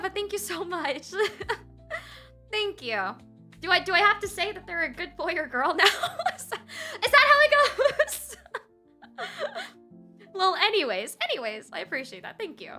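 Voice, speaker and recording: Giggly bright high-voiced woman streamer. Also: big pitch swings, moderate pace, faint music behind. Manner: giggly, laughs often, rambling restarts. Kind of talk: casual livestream chat with viewers. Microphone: close desk mic.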